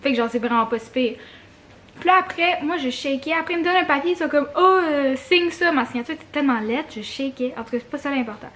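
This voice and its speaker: She's a young vlogger from Quebec, speaking French with the local accent, and she races through a personal story to camera in a high, fast voice. Her delivery is casual and expressive, full of slang, cursing and borrowed English words.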